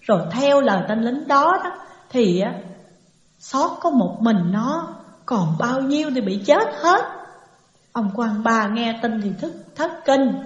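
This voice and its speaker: A woman reader voicing a grieving young widow who tearfully recounts her husband's death. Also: a little high. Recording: muffled echoey hall reverb.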